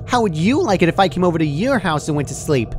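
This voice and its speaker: A man's voice: fairly high pitch, sing-song, quick pace, voice pushed up. A man voicing a cheerful, childishly chatty, menacing female pony in a perky, scolding manner, reading a story aloud. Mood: pouty, scolding. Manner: perky, scolding, sing-song matter-of-fact chatter. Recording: clearly noisy home recording.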